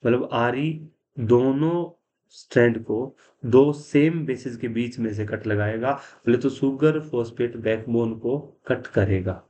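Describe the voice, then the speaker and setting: A male teacher gives a classroom biology lecture at a medium pitch. He talks the class through each step, puts questions to them and answers them himself. He slips English technical terms into his sentences. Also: takes it slowly, dark tone. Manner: mixes English science terms into Hindi.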